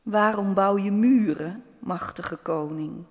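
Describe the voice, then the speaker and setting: Storybook pebble, gentle and wise, soft-spoken, slow, played by a man, hall reverb. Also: high-pitched. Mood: calm, gentle. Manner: soft, calm, quietly persuasive.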